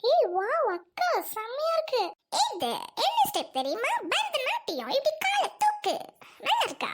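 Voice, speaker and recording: A woman's voice: very high voice, wildly swooping pitch, normal speed, noisy background, voice pushed up, heavily acted. A woman voicing a cheeky young woman friend who teases and bosses others about, in a comic family skit. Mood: bossy. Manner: teasing and bossy.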